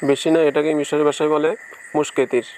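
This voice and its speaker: A man teaching phrases one by one, saying each one slowly and repeating it. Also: fairly high pitch, flat delivery, a little mellow, slight background noise, poor audio. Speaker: language teacher. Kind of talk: phrase-by-phrase language lesson.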